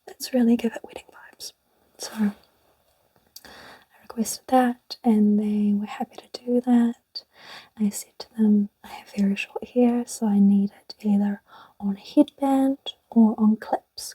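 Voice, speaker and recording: The host of an ASMR channel, a young woman who speaks English natively, whispers right up against the mic, rambling along and letting out little laughs. Her voice sits a little high and sounds mellow and slightly rough, with no echo.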